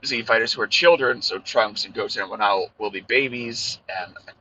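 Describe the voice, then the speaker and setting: A man's voice: lowish voice, normal speed, bright, forceful tone, a little hiss or hum. A man rambling casually while he drives, reviewing an episode. His voice has a tinny, tin-can sound from a poor recording in a car. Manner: loose and rambling, many fillers. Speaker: anime reviewer.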